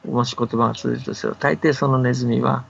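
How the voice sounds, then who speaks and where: A medium-pitched male voice with vocal fry delivers flat, quick-paced speech. The speaker, an older folktale scholar, gives casual, patient radio explanations and frequently checks the listener's agreement. Dull, band-limited audio with faint background noise.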